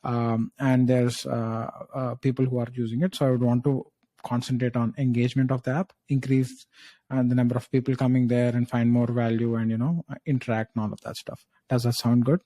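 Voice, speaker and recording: Man, job interview candidate, mellow tone, dry recording, hesitant, structured answers, frequent checking tags. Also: mid-range voice, level tone, fairly quick, no echo.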